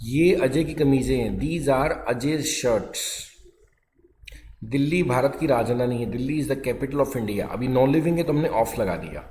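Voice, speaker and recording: A man's voice: medium pitch, animated, dark tone, a little hiss or hum. Man teaching English in an echoey room. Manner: dictates English phrases slowly, explains quickly in Hindi. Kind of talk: classroom grammar lesson. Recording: echoey room with long reverb.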